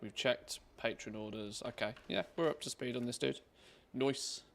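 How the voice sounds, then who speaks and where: Gravelly man talking through gameplay. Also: mid-range voice, moderate pace, fairly bright tone. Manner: thinking aloud, informal. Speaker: gaming content creator. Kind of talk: casual gameplay commentary.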